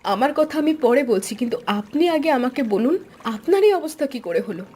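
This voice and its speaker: A woman acts an emotional village woman in an audio melodrama. Her voice is rather high and plaintive, delivered dramatically. Music plays clearly underneath. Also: expressive, normal speed, mellow. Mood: concerned. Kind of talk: melodramatic Bengali audio-story acting.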